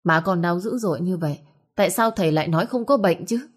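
A woman's voice: lowish voice, fast, breathy edge. Woman voicing an anxious young eldest son. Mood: alarmed. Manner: anxious, pleading, respectful.

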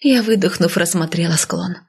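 A woman narrating a first-person fantasy audiobook. She voices a headstrong heroine lively and dips into whispers. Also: fairly low pitch, moderate pace, gravelly, breathy edge.

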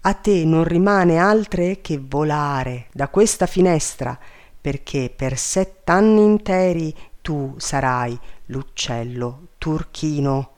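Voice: mid-range voice, takes it slowly, a little mellow, close to an everyday voice. A reader voicing a haughty, commanding fairy godmother in a storybook reading, raised and scolding. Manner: imperious, scolding.

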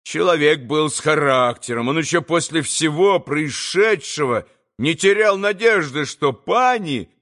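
Man reading a classic novel, slow, measured, kinda high voice. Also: lively intonation, fairly bright tone. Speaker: audiobook narrator. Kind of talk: scripted narration of a classic novel.

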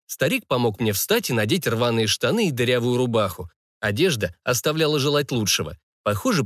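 Lively, ironic male audiobook narrator. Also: medium pitch, no echo, studio quality. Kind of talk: first-person audiobook narration.

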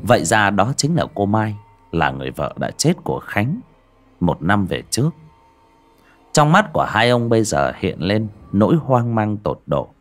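Dude reading a ghost story audiobook, lowish voice, super animated, soft music under it. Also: male voice, normal speed. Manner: dramatic, expressive storytelling. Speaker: audiobook narrator. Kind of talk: scripted horror story narration.

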